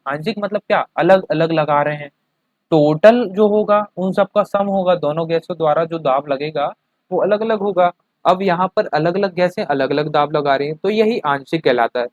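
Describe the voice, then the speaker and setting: A man's voice: a little high, a little mellow, dry recording, highs cut off. Hindi-speaking male teacher explaining patiently. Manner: explains with everyday examples and keeps checking understanding. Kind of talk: classroom chemistry lecture.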